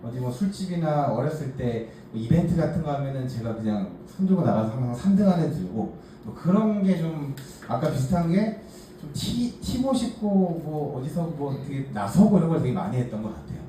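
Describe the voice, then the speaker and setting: A mid-range, sing-song, mellow voice runs a little fast with few pauses. It belongs to a forty-something man from Gangneung, Gangwon Province, South Korea, presenting a case at a workshop by telling a group his life story, chattily and self-mockingly, with many fillers. The room echoes, the mic is distant, and there's a faint hiss.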